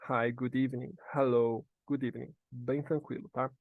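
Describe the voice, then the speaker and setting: A man's voice: mid-range voice, level tone, dry recording, narrow, tinny audio. Brazilian man teaching an online lesson. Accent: Brazilian Portuguese. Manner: slow, exaggerated model phrases for students to repeat; frequent "tá?" check-ins. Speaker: English teacher.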